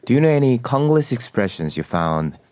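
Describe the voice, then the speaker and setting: A man hosting a casual interview, asking curious questions and agreeing warmly with his guests. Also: mid-range voice, very animated, fairly quick, clean tone, no room sound. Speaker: host.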